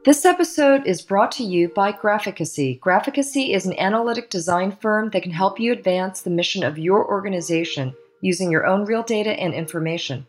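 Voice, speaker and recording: A woman reading a sponsor announcement in a clear, deliberate way. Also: mid-range voice. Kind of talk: read ad copy.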